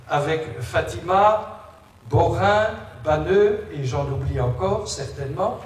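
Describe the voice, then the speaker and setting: A man giving a religious lecture as a priest, explaining things with conversational asides to his listeners, in a large, echoing space. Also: a little high. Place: large reverberant indoor space. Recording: echoey hall, distant mic, background noise.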